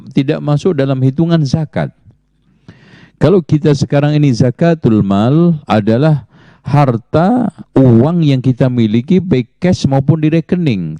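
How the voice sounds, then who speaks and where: A man answering religious questions as a teacher, in a measured, explanatory way that cites Arabic sayings. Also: medium pitch, dark tone, no echo. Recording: muffled lo-fi audio.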